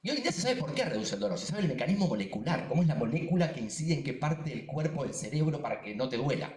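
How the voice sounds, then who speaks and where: The medium-pitched voice of a man with a Rioplatense Spanish accent fills a roomy-sounding lecture room. He is a neuroscientist and science communicator presenting a seminar, talking emphatically, animatedly, and fast while looping through asides and repetitions.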